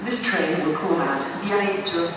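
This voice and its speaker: A woman making a train station loudspeaker announcement with slow, evenly spaced automated phrasing. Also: on the low side, background noise. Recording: echoey station hall from far off.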